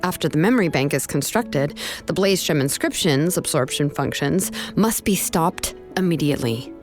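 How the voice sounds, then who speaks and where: Confident, animated young craftswoman. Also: low-pitched, normal speed. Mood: firm. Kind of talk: video game voice acting. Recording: faint music behind the voice.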